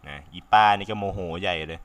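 A young man with a sore throat giving casual, excitable let's-play commentary, swearing freely and laughing often. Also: low-pitched, fairly quick. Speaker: game commentator.

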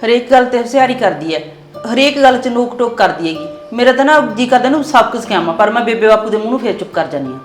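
Young woman ranting quick, bit high, echoey room, faint music. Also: animated. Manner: complaining, indignant. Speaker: daughter-in-law in a family skit.

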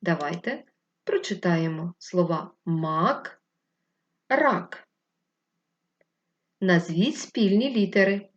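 Slow, patient woman teaching young children. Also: lowish voice, muffled recording. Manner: patient, drawn-out instructive speech with questions to pupils. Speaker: primary school teacher. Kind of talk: slow, clear remote literacy lesson for children.

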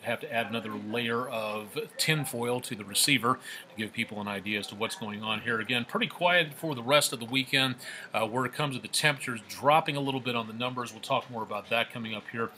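A male TV meteorologist doing a live weather forecast, ad-libbing loosely and repeating himself, his voice coming through a faulty mic on a low-quality stream. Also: fast talker, bright, forceful tone, slight background noise. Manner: loose, repetitive, filler-heavy ad-libbing. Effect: low-quality stream audio from a faulty microphone.

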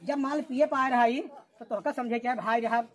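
A man's voice: very high voice, fairly quick. A man playing an exasperated, scolding village elder in an amateur comedy skit, with an eastern Uttar Pradesh accent. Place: open village courtyard. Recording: noisy outdoor camera sound.

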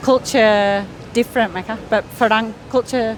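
A woman's voice: on the high side, steady tone, extremely slow, slight background noise, low-quality recording. Foreign woman speaking broken, English-accented Thai. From England. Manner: non-native Thai with broken phrasing and English words mixed in. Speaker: interviewer in conversation. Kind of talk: casual chat.

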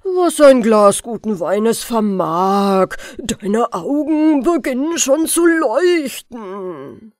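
A woman's voice: a little high, expressive, very slow, darkish tone, no room sound, studio quality. A woman doing a bellowing tyrant king. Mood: jeering. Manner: bellowing, mocking. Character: cruel loud-mouthed male tyrant king.

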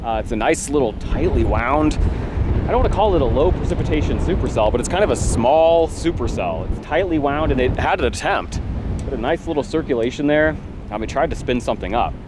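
Middle-aged man vlogging in loud wind. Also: mid-range voice, lively intonation, fairly quick. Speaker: storm chaser, vlogger. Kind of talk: casual on-location commentary to camera. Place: outdoors on open windy plains. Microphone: camera at arm's length. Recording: loud wind noise on the microphone.

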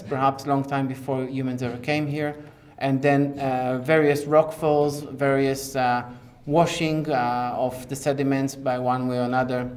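A middle-aged man, an archaeologist, explains his field project in an interview inside a cave, pausing often mid-sentence. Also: mid-range voice. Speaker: archaeologist leading the excavation project. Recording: cave interview with faint background noise.

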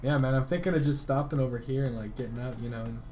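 A gaming video creator making a prank call chats casually on the phone, rambling fast in loose slang with plenty of swearing. His mid-range voice is dark-toned with fairly even intonation.

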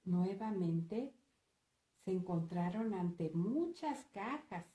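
A woman narrates a children's story, slow and expressive, asking her listeners questions along the way. Her voice is mellow and unhurried. It is recorded live in an echoey museum hall. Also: medium pitch. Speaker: storyteller and author. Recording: echoey room.

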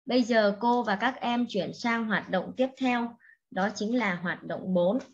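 A woman teaching an English lesson to young children, speaking slowly and patiently and repeating each word for the class to echo. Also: fairly high pitch, breathy edge, highs cut off. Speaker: primary school English teacher.

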